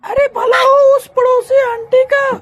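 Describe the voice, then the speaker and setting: A woman voicing a scolding cartoon mother-in-law who insults and shouts in a comedy sketch. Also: very high-pitched, little pitch movement, measured pace. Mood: complaining.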